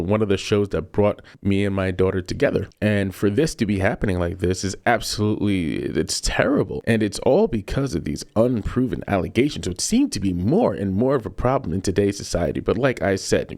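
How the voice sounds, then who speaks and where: A man's voice: low voice, darkish tone. A man in his thirties hosting an opinion show, ranting emphatically and repeating himself for effect. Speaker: commentary host. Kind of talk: casual opinion rant.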